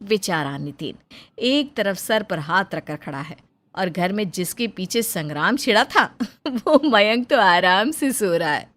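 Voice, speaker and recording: A woman giving scripted storybook narration for a cartoon, plain and even, speaking to viewers. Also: medium pitch, unhurried.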